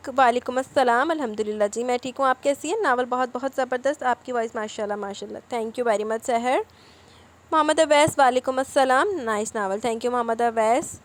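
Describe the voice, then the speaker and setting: A woman who hosts a novel-reading channel, reading out viewer comments and answering each one in casual chat. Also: high voice.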